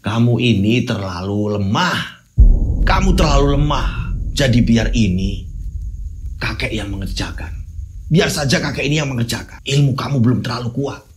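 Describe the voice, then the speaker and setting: A man voicing a stern old village grandfather who practises mystic arts, speaking slowly and dismissively. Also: medium pitch, expressive, voice pushed down, lightly acted. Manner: slow, commanding, dismissive.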